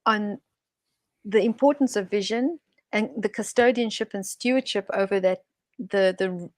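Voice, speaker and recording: A woman appears as a guest on an online talk show over a video call, her mid-range voice unhurried and free of echo. The conversation is reflective, and she speaks thoughtfully and expansively, often restarting her sentences.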